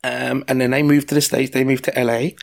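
A British man in his forties chatting as a podcast host, telling personal stories in a sweary, halting, digressive way. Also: mid-range voice, flat delivery, creaky. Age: 40s. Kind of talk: casual personal chat and storytelling.

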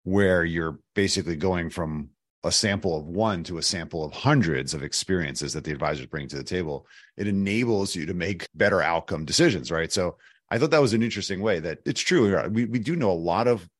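A man with a very low, hoarse voice co-hosts a conversational podcast. He sounds raspy, as if his voice is nearly lost, and the recording is dry and close. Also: fairly quick, no room sound. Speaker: podcast co-host. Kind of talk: conversational discussion of financial advising.

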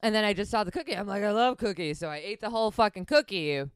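A woman's voice: medium pitch, quick pace, clean tone, dry recording. A woman in her forties from Wisconsin hosting a podcast, telling rambling stories with frequent laughs. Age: 40s. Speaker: podcast host. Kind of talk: casual chat.

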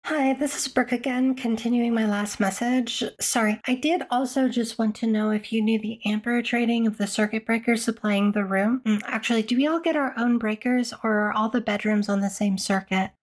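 A woman's voice: a little high, steady tone, moderate pace, few pauses, lightly acted. A woman playing a young student who leaves a long, polite voicemail full of detailed questions. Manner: polite, rambling, detail-minded.

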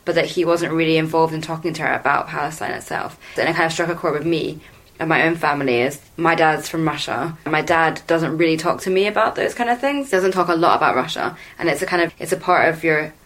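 A woman's voice: sits low, fast, a bit bright. A woman co-hosting a radio show in a casual, chatty style.

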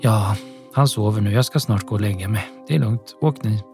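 A man voicing a tired, resigned middle-aged mother in an audiobook, speaking slowly. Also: fairly low pitch, darkish tone, soft background music, natural voice. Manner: slow, resigned.

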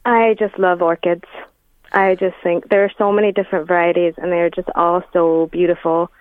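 A woman with an Arizona American accent softened by an Irish Donegal lilt, giving gardening tips as a guest in a casual radio interview, encouraging and plain-spoken. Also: lowish voice, level tone, normal speed, no echo. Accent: Arizona American with a touch of Irish Donegal lilt. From United States, Arizona. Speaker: guest plant expert. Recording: narrow phone line.

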